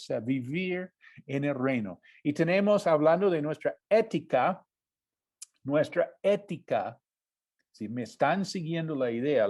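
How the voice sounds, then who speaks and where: A man preaching a conversational sermon, often asking the congregation questions and acting out quoted voices. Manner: acts out mocking quoted voices, high and shouted.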